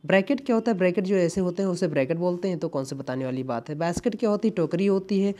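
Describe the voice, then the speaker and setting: Mellow-voiced man teaching exam English. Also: sits high, racing. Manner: explains step by step, repeats key words, frequent "है ना" tags. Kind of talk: exam-prep lesson.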